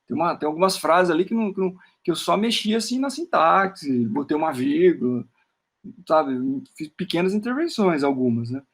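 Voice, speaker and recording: A Brazilian poet chats casually in an interview about his book while showing his work on screen. His voice is on the high side, with lively intonation and a moderate pace. He speaks Brazilian Portuguese and rambles, stammering repeats and often tagging "né?".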